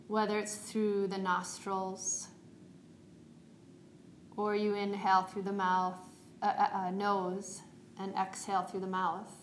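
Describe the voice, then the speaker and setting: Calm, slow-paced woman guiding meditation. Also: mid-range voice. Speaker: yoga and meditation teacher. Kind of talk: guided meditation. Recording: roomy echo, faint background noise.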